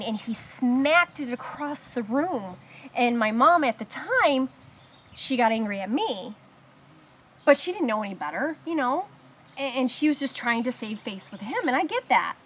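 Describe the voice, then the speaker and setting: A woman gives personal testimony of surviving abuse to a support circle, pausing, restarting, and growing slower and softer over painful moments. Her voice is a little high, and there's a bit of hiss or hum.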